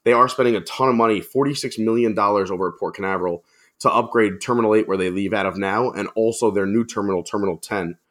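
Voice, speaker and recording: Podcast guest: friendly man, low-ish voice with a bright, forceful edge, easygoing chat. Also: fast talker. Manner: friendly, chatty, many fillers.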